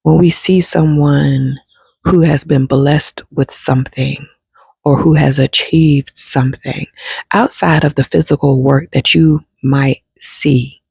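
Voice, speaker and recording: Low, gravelly-voiced woman musing. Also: steady tone, darkish tone, dry recording. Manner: musing and unhurried, turns emphatic and jokey with slang. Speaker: spiritual advice speaker. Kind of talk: reflective spiritual talk to camera.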